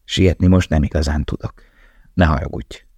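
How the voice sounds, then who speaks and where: A frail young prisoner speaks in a soft, subdued, low voice, as a man reads him in an audiobook. The delivery is quiet and weary, and the recording is dry. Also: steady tone, breathy edge, no room sound.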